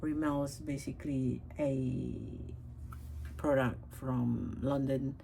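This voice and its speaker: A woman's voice: very deep voice, steady tone, slow pace, gravelly, warm tone, a little hiss or hum, poor audio. A woman vlogger chatting casually about makeup, rambling with lots of fillers and restarts. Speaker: beauty vlogger.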